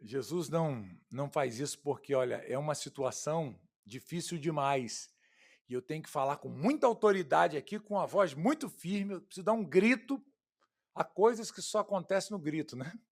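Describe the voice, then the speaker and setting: A man with a Brazilian Portuguese accent preaching an expository sermon, swinging from loud, emphatic lines to hushed, quiet ones and calling his listeners "queridos" and "irmãos". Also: a little high, animated, normal speed. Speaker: pastor.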